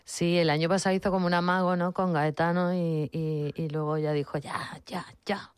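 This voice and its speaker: Lady radio host, chatty, really low voice, asks stuff with little tag questions. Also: fairly even intonation, normal speed, clean tone, dry recording, studio quality. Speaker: radio interviewer. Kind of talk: radio interview.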